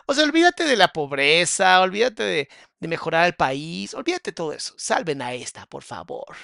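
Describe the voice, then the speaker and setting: A man's voice: high-pitched, very animated, normal speed, creaky, sharp tone, clear, resonant tone, no room sound, studio quality. A man with a Mexican accent, giving mocking, crude, sarcastic reaction commentary as a psychologist.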